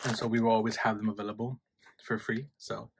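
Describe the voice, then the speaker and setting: A man's voice: lowish voice, flat delivery, fast talker, vocal fry, background noise. A man, chatting casually in a snack vlog and switching between English and Spanish. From New York, USA. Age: 20s. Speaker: YouTuber.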